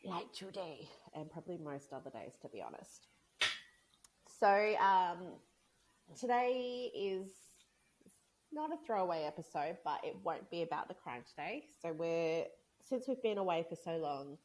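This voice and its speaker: This podcast co-host, a woman in her thirties, chats casually, wandering off topic and laughing a lot. She speaks at a measured pace in a lowish, darkish voice with big pitch swings. The low-quality audio carries a little hiss or hum.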